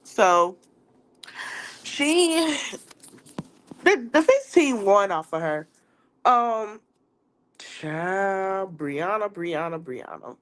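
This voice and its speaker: A woman with a mid-range, lively voice hosts a podcast, and her nose sounds stuffy. She recaps a trial in casual, chatty talk, drawing out her words and calling her viewers "y'all."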